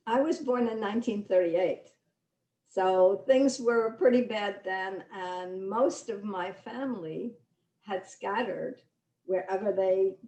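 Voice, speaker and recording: A woman in her eighties from France, giving her survivor testimony slowly and with measured pauses over a video call. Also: medium pitch, warm tone, echoey room, rough recording. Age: 80s. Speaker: Holocaust survivor guest. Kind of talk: spoken testimony in conversation.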